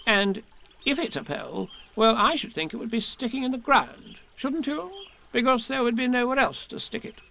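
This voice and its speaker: A man's voice: extremely high pitch, very animated, moderate pace, vocal fry, pushed and bright, a little hiss or hum, voice pushed up, exaggerated voice. A man voicing a fussy, self-important male rabbit in a storybook reading, with a pompous manner.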